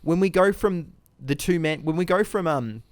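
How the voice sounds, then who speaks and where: A man's voice: on the high side, normal speed, no echo. A man co-hosting a casual comedy film podcast, reading out ratings with a playful, teasing manner and laughing along. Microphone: podcast mic, remote recording.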